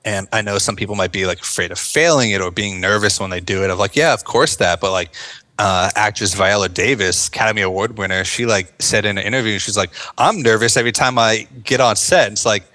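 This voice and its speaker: A man's voice: lowish voice, fast talker, pushed and bright. A man from the United States, a veteran turned actor, talking earnestly and reflectively as a podcast guest, with many fillers like "like" and "you know". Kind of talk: casual interview talk.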